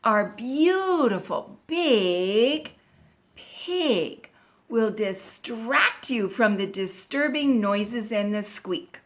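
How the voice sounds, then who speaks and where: A gentle storybook mother soothing her little girl, as a woman reads her part. Her voice is calm and reassuring, slow and high, and it rises and falls warmly across a wide range. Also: heavily acted.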